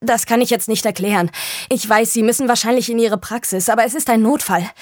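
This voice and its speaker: A woman voicing a shaken young woman in a crisis, speaking in a tense, raised and hurried way. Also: medium pitch, a little mellow, no room sound, pitched above the performer's own voice, close to an everyday voice. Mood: urgent. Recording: dry close studio sound.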